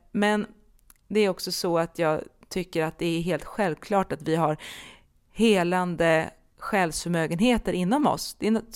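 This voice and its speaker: Smooth-voiced woman podcast host. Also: on the low side. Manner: candid, reflective, with frequent hesitations. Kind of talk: personal podcast monologue.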